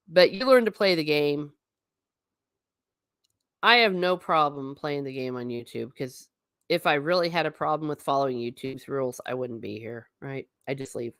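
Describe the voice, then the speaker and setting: Low-pitched yet a bit bright, this woman's voice is recorded dry at studio quality. She hosts a laid-back livestream, reading comments from viewers and responding in a chatty, blunt style marked by frequent asides and restarts.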